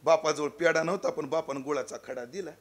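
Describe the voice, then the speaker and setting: A man preaching a devotional kirtan, telling folksy, humorous stories and slowly chanting verses. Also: a little high. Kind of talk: devotional storytelling sermon. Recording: live kirtan with loud music.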